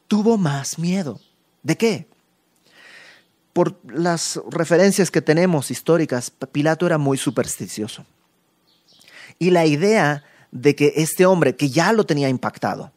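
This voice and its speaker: A man teaching a verse-by-verse Bible study, speaking emphatically and moving between raised and hushed passages, with conversational asides. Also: fairly high pitch. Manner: conversational asides and tag questions.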